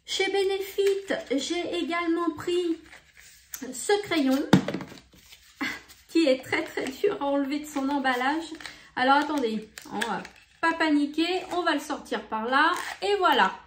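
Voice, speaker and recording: A woman showing beauty products in a casual vlog, talking in an unhurried, hesitant way with many fillers. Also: high-pitched, roomy sound, slight background noise. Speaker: beauty vlogger. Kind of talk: casual haul video.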